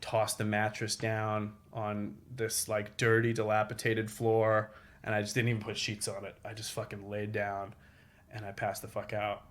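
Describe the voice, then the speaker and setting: A man's voice: fairly low pitch, completely flat delivery, normal speed. A young man, a comedian, telling a long, rambling and profane story in casual conversation. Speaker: comedian guest.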